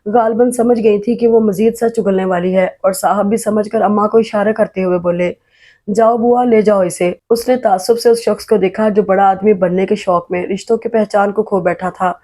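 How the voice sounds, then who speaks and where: A woman narrating a romantic novel in steady, measured storytelling. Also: medium pitch. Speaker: audiobook narrator. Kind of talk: novel reading.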